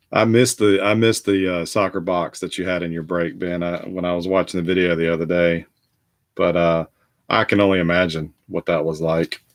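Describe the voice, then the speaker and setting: A man's voice: low voice, level tone, normal speed. A tired middle-aged man, hosting a casual live card-break stream and rambling with lots of fillers and restarts. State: tired, yawning. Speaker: host of a group card break.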